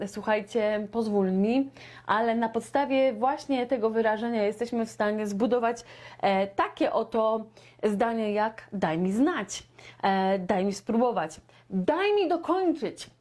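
A young woman teaching English in a live online lesson, lively and chatty, often turning to her viewers and acting out everyday dialogues. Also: mid-range voice.

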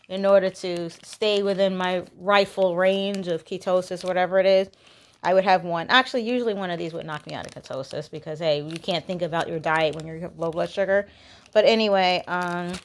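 A young woman talks casually through a shopping haul at home, her voice in an unremarkable middle register. She chats and gushes freely, giggling often. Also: medium pitch. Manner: chatty and gushing, frequent giggles. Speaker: vlogger. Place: home, indoors.

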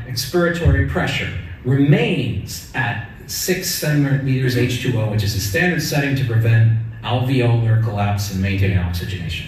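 Middle-aged male keynote speaker, personal and earnest, distant echoey hall recording with faint noise. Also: medium pitch. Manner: personal, earnest, tag questions "right?". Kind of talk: conference keynote talk. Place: large conference hall, at a lectern. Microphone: lectern mic, recorded from the audience.

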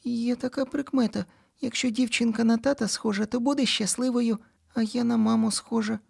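A man's voice: fairly even intonation, normal speed, gravelly, breathy edge, dry recording, studio quality, heavily acted. A man voicing a tearful young schoolgirl in a children's audiobook. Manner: soft, high, weepy voice.

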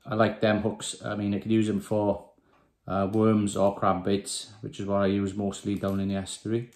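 A man in his thirties from Wales, fairly low-pitched and speaking at normal speed, calmly ties knots at a desk while plainly explaining a fishing rig step by step in a casual tutorial. The phone camera on the desk records an echoey, small indoor room with windows.

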